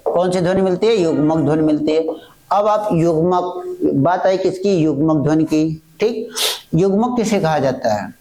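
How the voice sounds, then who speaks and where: High-voiced, mellow male teacher drilling students. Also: a little hiss or hum. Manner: repeats each point with question-and-answer drilling; slow, halting delivery that restates fragments. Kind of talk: exam-prep grammar lecture.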